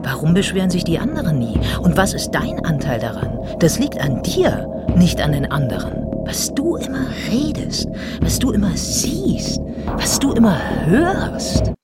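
A woman's voice: on the low side, sing-song, unhurried, over loud music. A woman voicing a manipulative partner, reproachful and belittling.

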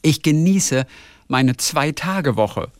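A male podcast host chats casually and tells stories with lots of melody in his voice. His delivery is animated, and he reads listener messages aloud. The recording is close and dry, with no room sound. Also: on the high side, slow, no room sound. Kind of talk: casual chat.

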